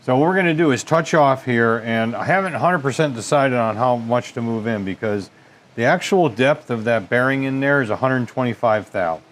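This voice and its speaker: The host of a machine shop repair channel casually demonstrates lathe work in his workshop, thinking aloud with folksy asides. His voice is medium-pitched and moderately paced, with slight background noise.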